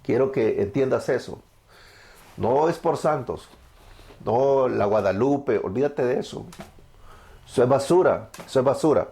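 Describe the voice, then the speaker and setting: A man from El Salvador in his thirties, with a Salvadoran Spanish accent, preaches his evangelical testimony with fervor and answers the questions he poses. His mellow, medium-pitched voice has lively intonation, and he takes his time, pausing often.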